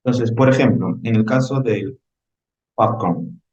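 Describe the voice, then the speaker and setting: A man's voice: lowish voice, measured pace, a little mellow. A man teaching an English vocabulary lesson in Spanish, patient and repeating "ok?" to check on his students. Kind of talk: classroom lesson reviewing vocabulary. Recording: roomy, slightly dull recording.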